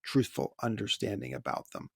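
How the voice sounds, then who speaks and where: A man's voice: fairly low pitch, wildly swooping pitch, moderate pace, gravelly, breathy edge, no echo, studio quality. An American man co-hosting a podcast, reading listener emails aloud and adding wry asides in casual chat. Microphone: close podcast microphone.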